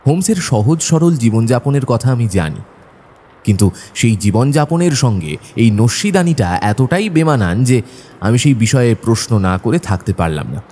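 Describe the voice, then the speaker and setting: An actor playing Dr Watson, a genial, sceptical gentleman who tells the story in the first person, with expressive delivery and a husky voice. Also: mid-range voice, moderate pace. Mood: narrating.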